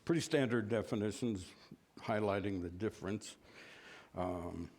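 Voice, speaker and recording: A man's voice: fairly low pitch, measured pace, darkish tone. A man from West Virginia teaching a church Bible class in a folksy, self-deprecating way, asking the class questions.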